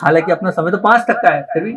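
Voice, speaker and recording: A man with a somewhat raised pitch teaches a gathered group. He explains patiently and keeps asking whether everyone follows. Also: fast talker, background noise. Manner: explanatory, coaxing, checks in with listeners often. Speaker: teacher of religious recitation. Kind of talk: live teaching talk to a group.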